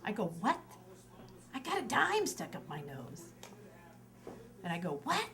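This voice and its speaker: A woman's voice: fairly low pitch, moderate pace, poor audio. An older woman, a mother of eleven, casually telling family stories with lots of laughter, acting out the children's quoted voices. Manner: lively, laughs often, acts out the kids' quoted voices.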